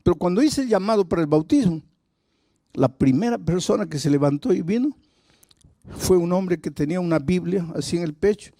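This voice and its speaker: Mellow-voiced pastor preaching, raised pitch. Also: male voice, expressive, a little fast, dry recording, clean studio sound. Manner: dramatic storytelling, vivid retelling of encounters. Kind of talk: sermon.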